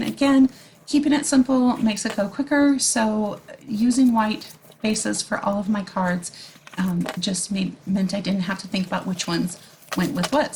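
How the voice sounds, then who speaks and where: A woman's voice: medium pitch, creaky, a little hiss or hum. A woman hosting a casual card-making tutorial as a voice-over, chatty and giggly, with frequent ums. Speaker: card-making video host.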